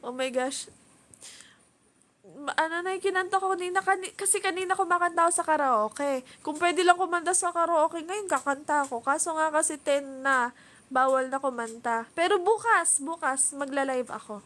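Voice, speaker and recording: A woman's voice: high voice, normal speed, fairly bright tone. A woman with a Filipino accent hosting a casual live stream from home, giggling and chatting as she reads viewer comments into her phone. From Philippines. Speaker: livestream host.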